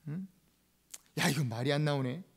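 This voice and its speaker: A pastor acting out a hot-tempered angry disciple. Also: male voice, a little high, normal speed, pitched below the performer's own voice. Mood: angry scolding. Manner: shouting, scornful, rough casual speech.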